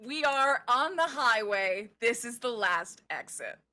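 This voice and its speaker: A woman running a tabletop game as game master, narrating and explaining rules in a playful, informal, halting way. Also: fairly high pitch, expressive, bright, forceful tone.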